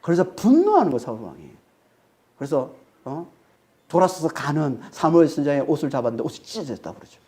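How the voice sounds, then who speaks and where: A woman's voice: low-pitched, very animated, fast talker, warm tone. A woman pastor preaching a sermon, emphatic, and she keeps prodding her listeners with questioning tags. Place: church sanctuary.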